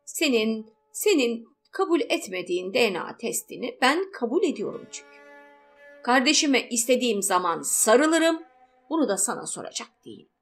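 A curt, commanding husband in an audiobook story, read by a woman narrator. He is possessive and speaks in lively swings of pitch. Faint music runs underneath. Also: normal speed. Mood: cold. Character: commanding husband, adult man, cool and possessive.

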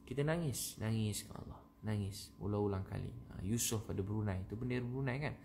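A man's voice: lowish voice, a little fast, vocal fry, a little hiss or hum. A man, a preacher giving religious advice on a live stream, reading viewer comments and speaking in repetitive, rising phrases. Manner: reads out viewer comments and answers them warmly; repetitive, chanting cadence with rising emphasis. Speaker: Islamic preacher.

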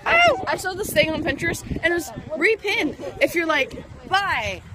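A woman's voice: very high voice, lively intonation, moderate pace. A teenage girl chatting and teasing friends outdoors at school. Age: teens. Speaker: student. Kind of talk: casual chat. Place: outdoors at school in South Texas. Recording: noisy outdoor crowd. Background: crowd and street noise.

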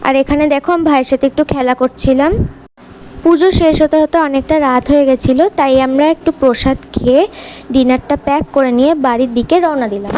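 A woman vlogger with a high, light voice narrates her day in a chatty voice-over. She talks right to her viewers. A faint hum of background noise sits under the recording. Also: darkish tone, low-quality recording. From Kolkata, India. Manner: chatty, speaks straight to viewers. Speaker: lifestyle vlogger.

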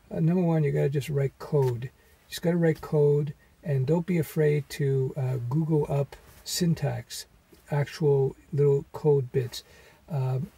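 A man teaching web development in a casual vlog, talking from a car into a phone, his voice weak and hoarse from laryngitis, rambling with many fillers. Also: on the high side, dark tone, rough recording. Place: inside a parked car.

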